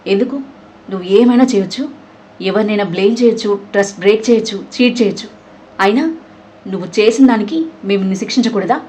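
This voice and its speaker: A woman's voice: mid-range voice, fast, mellow, close to an everyday voice, poor audio. A woman voicing a furious young woman who scolds a traitor sharply and sarcastically. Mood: angry.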